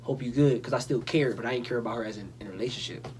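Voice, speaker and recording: A young man chatting casually, telling stories with lively acted-out quotes. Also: mid-range voice, rapid-fire, slight background noise. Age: young adult. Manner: animated storyteller, acts out quoted voices. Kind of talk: casual storytelling chat.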